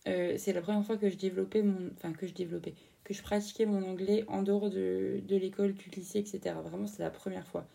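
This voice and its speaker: A woman's voice: medium pitch, fairly even intonation, fast, creaky, few pauses, dark tone, distant mic. A young woman in her twenties from France, hosting a casual storytelling podcast in a chatty way, full of fillers and slang. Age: 20s. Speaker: podcast host.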